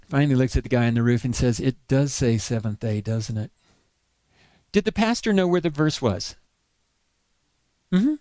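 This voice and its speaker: A man's voice: medium pitch, creaky, no room sound. Man telling a sermon story. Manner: animated, acts out the dialogue of his story. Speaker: preacher.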